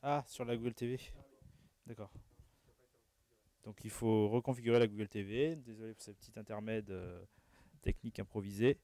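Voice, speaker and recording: A man giving a live product demo on stage in a relaxed, chatty manner. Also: fairly low pitch, normal speed, long pauses, no echo. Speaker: product demonstrator.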